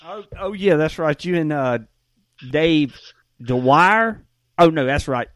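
A man's voice: fairly high pitch, a little slow, no echo. Male podcast host, folksy rambling storyteller, dry close sound. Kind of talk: casual podcast chat.

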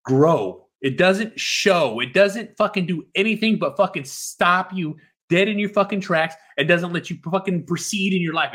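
A man giving an emphatic motivational speech, exhorting forcefully with heavy swearing and repeated phrases. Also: high-pitched, breathy edge. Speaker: motivational speaker.

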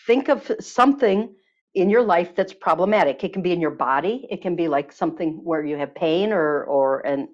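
A woman's voice: fairly low pitch, normal speed. A woman telling a healing story at length, then leading a listener through a guided exercise, with lots of fillers. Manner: warm, lively storyteller, many fillers. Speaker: guest teacher on body healing. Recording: dull lo-fi sound.

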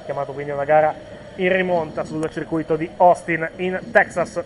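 A man's voice: a little high, fairly even intonation, moderate pace, slight background noise, poor audio. A man giving informal live football commentary, hesitating and correcting himself as he goes.

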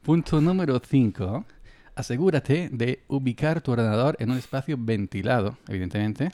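A man's voice: mid-range voice, moderate pace, warm tone, no room sound. A man hosting a casual podcast, reading items aloud with jokey asides. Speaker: podcast host.

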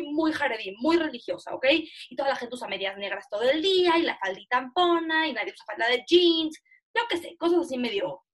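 A young woman with a Mexican Spanish accent teaches an online class in a high, lively voice. She talks fast and chattily and pokes fun at herself. The sound is that of a video call. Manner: chatty, animated, self-mocking. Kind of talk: casual online lesson.

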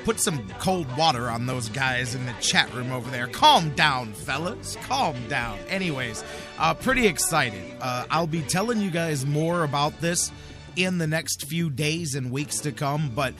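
A man hosting a sports talk show in a casual, rambling way, restarting phrases and filling pauses as he talks. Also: fairly high pitch, music in the background. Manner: excited and rambling, with frequent restarts and fillers.

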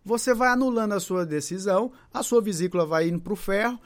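Um homem com sotaque brasileiro, terapeuta dando uma aula informal em vídeo, conversando com o público com perguntas retóricas. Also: male voice, high-pitched, fast talker. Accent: Brazilian Portuguese. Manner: chatty, asks the audience rhetorical questions, acts out patient dialogues. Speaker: holistic therapist teaching. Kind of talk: informal video lesson to viewers.

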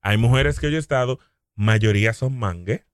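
A man's voice: medium pitch, normal speed, dry recording, studio quality. A man with a Dominican accent chatting casually, telling stories with slang and quoted dialogue as a co-host. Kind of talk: casual group chat.

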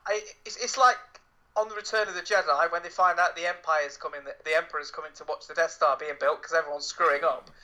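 Man co-host, bright mid voice, rambling and teasing, video-call chat. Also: a little high, steady tone, quick pace, low-quality recording. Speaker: podcast co-host. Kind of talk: casual chat.

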